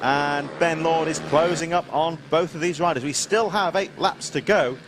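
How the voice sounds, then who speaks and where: At normal speed, a man with a slightly high voice delivers live race commentary, listing riders and their positions. The trackside recording is noisy with engines and outdoor sounds.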